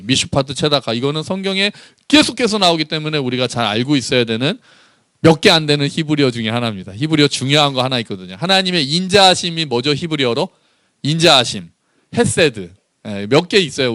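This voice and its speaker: A male pastor giving a sermon, asking his congregation questions and slowing down to read scripture aloud together with them. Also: a little high, fairly bright tone, no room sound.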